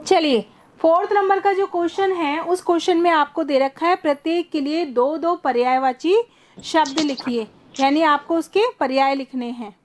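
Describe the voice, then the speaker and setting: Woman teacher, high voice, patient explainer, online lesson on a video call. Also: normal speed, a little hiss or hum. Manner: patient, explains step by step, asks students questions.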